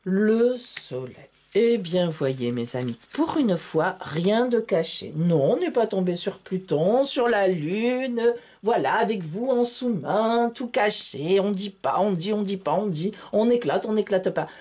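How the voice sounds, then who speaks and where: Female tarot reader, slow, warm and mellow, big expressive pitch swings, theatrical delivery to viewers. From France. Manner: theatrical, exclamatory, addresses viewers as friends. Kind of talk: tarot reading monologue to camera.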